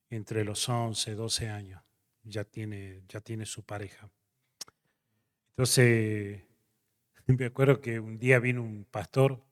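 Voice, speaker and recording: A man's voice: medium pitch, long reverb tail. A man, a missionary pastor, telling his testimony to a class and acting out the dialogue as he goes.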